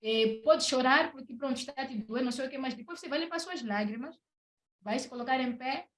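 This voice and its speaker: A woman's voice: sits high, fairly quick. A young woman with a Mozambican Portuguese accent tells a personal testimony as a podcast guest, hesitating and repeating words. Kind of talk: personal testimony in casual talk. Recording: echoey room.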